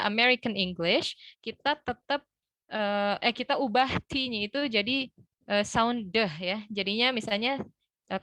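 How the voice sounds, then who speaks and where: Bright-voiced woman tutoring online. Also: mid-range voice, dry recording. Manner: friendly, explains step by step with many fillers. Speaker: English tutor. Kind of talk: online class teaching.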